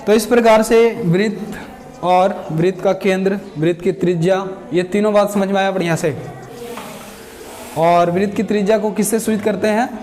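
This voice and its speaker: A man with a high voice gives a school math lesson. He keeps asking his class questions, answers them himself and repeats the key words. He uses homely examples and dictates notes for the students to copy. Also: fairly even intonation, moderate pace, darkish tone, slight background noise. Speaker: math teacher. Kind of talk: classroom lecture, explaining with questions.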